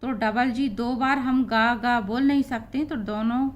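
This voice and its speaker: A woman's voice: on the high side, fairly even intonation, measured pace, muffled recording. A woman with a Hindi accent teaching English pronunciation rules, spelling out letters and patiently repeating example words. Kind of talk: blackboard lesson explaining spelling rules.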